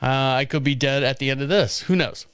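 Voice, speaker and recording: A man's voice: mid-range voice, fairly quick, fairly bright tone, clear, resonant tone, no room sound. A man in his fifties hosting a solo podcast from a studio, rambling and repeating himself, laughing often. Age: 50s. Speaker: podcast host. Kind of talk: casual solo monologue.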